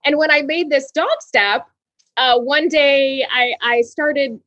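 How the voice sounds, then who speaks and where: Bubbly high-voiced woman on a dry line. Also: steady tone, slow pace, fairly bright tone, no echo, highs cut off. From Hawaii. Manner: bubbly, laughs often. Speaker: guest author. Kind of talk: interview conversation.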